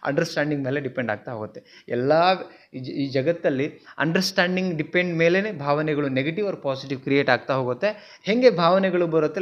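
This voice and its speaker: Male counselor, earnest and repetitive, voice on the higher side, dull recording. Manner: earnest, repeats points, mixes English words into Kannada. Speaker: relationship counselor. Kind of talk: advice talk to viewers. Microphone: mic in front of him while seated.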